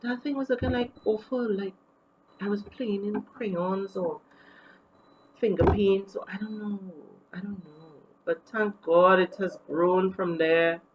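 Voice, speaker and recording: A woman's voice: medium pitch, a little slow, background noise. A woman from Trinidad and Tobago with a Trinidadian accent, chatting candidly in a casual get-to-know-me beauty vlog. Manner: chatty and candid, with many fillers. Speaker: beauty vlogger.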